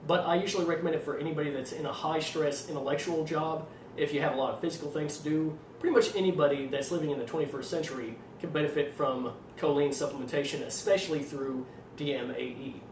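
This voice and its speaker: A man with an Arkansas accent explaining things informally as a trainer, in a fairly monotone voice with a slight tendency to stutter. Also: on the high side, fast talker, few pauses. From Arkansas, United States. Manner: self-described monotone delivery. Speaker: fitness trainer presenting supplement advice. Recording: roomy echo, distant mic, faint noise.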